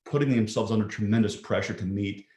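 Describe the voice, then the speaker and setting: A male psychiatrist answering interview questions thoughtfully, often pausing with ums and restarting sentences. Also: fairly low pitch, darkish tone. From Greece. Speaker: psychiatrist guest. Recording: roomy echo.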